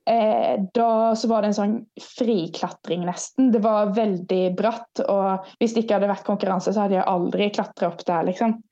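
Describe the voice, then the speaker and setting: A young adult ultrarunner, appearing as a guest in a casual interview, tells stories and acts out things she once said. Her mid-range voice is mellow and fairly even, with hardly any pauses, coming through dull lo-fi video call audio from a student room.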